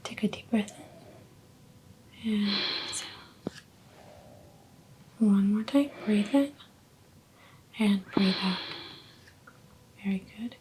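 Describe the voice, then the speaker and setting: A woman whispering softly as a clinician in a roleplay, calmly giving gentle step-by-step instructions during a check-up. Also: mid-range voice, takes it slowly, long pauses, a little hiss or hum, poor audio. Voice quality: soft whisper. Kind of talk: ASMR medical exam roleplay.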